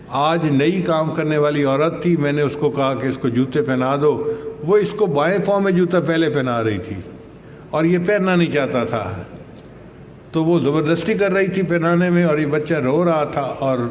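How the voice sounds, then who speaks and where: An older man giving a slow, measured sermon, telling stories and reciting Arabic verses. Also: a little high, a little mellow. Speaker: religious scholar. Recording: echoey hall with faint noise.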